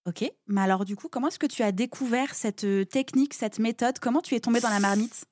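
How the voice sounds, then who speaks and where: A woman's voice: fairly high pitch, fairly quick, a little mellow, no echo, studio quality. A woman hosting a podcast, chatting and asking questions in a bubbly, enthusiastic way. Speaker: podcast host. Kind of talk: casual interview chat.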